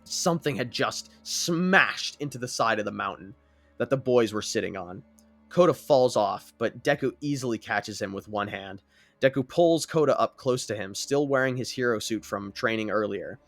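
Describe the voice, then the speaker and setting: A man narrating a fan story in a dramatic, lively way. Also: mid-range voice, normal speed, creaky, no echo, faint music behind.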